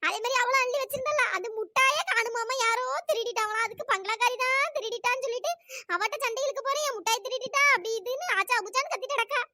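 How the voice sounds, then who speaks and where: A voice actor voicing an exasperated older village sister in a cartoon story, scolding and weary, with a pitch-raised voice. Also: quick pace, bright, forceful tone, heavily acted.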